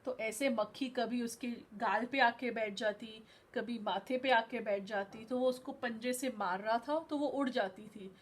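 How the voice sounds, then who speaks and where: A woman's voice: a little high, a little slow, hardly any pauses. A woman school teacher in an online class, reading a story aloud and patiently explaining words, mixing in English terms. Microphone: video call.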